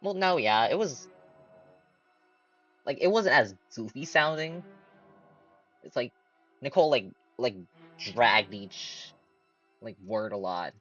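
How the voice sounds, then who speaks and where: A casual game streamer with a very lively, swinging pitch. The commentary is chatty and playful, recorded a little dull with music behind it. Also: slow, long pauses.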